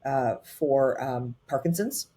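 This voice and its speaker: Speaking at an extremely low pitch, a female tech advisor shares her story as a guest. The delivery is lively and chatty, rushing forward in quick spurts and peppered with "uh" and "um."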